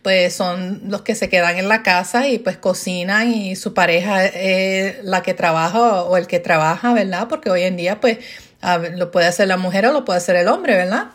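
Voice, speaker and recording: A middle-aged woman talking casually to her viewers, ranting in an animated way with rhetorical questions and frequent laughs. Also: fairly low pitch, moderate pace. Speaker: vlogger.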